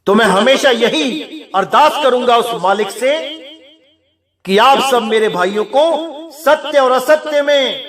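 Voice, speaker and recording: A man's voice: extremely high pitch, a bit bright. A man giving an earnest devotional sermon, urging his listeners and calling them brothers. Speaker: preacher.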